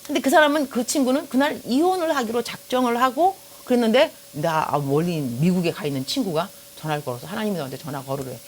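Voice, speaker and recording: A fast-talking middle-aged woman from South Korea preaches as a pastor, her mid-range voice barely pausing over slight background noise. She spins lively, humorous stories and speaks directly to the congregation.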